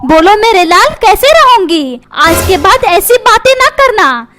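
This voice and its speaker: A woman's voice: very high-pitched, big pitch swings, a little slow, sharp tone, full character voice. A woman voicing a nagging cartoon mom. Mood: doting. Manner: complaining, demanding, repeats questions. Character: nagging quarrelsome mother, doting on her son. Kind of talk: cartoon comedy voice acting. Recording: background music.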